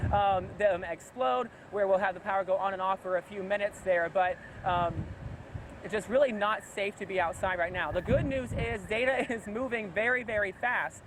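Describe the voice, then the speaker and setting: High-voiced man reporting over storm noise. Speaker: field reporter. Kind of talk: live storm reporting, unscripted. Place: outdoors by a flooded road in a hurricane. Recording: noisy outdoor storm broadcast, wind.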